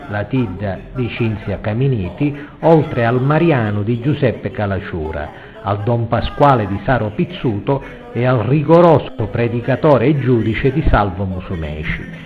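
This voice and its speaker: Casting: man, lowish voice, scripted arts-report narration, slightly muffled sound. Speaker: theatre reviewer narrating a report. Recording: muffled, loud music behind voice. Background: music.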